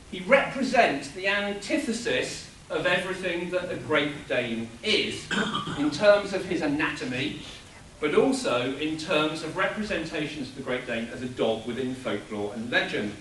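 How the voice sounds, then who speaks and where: A man giving an animated, explanatory panel talk at a convention, chuckling now and then. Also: on the high side, unhurried, a little hiss or hum. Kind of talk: lecture-style panel talk. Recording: echoey room from a distance.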